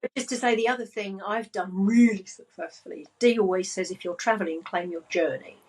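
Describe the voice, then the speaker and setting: A woman speaking as a podcast guest, a spiritual business coach, in a slow, calm and grounded way. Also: medium pitch, husky, poor audio. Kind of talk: casual podcast chat.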